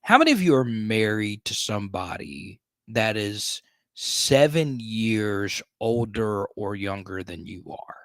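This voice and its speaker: A man in his thirties hosts a sports podcast livestream, chatting casually while reading viewer comments, laughing often and stumbling over restarts. His voice is on the low side and animated, and he takes it slowly. The audio is studio quality, with no echo.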